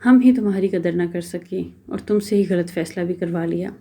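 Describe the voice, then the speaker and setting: A woman reading the lines of a remorseful, gentle older father speaking tenderly to his son. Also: on the low side, steady tone. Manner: tender, apologetic.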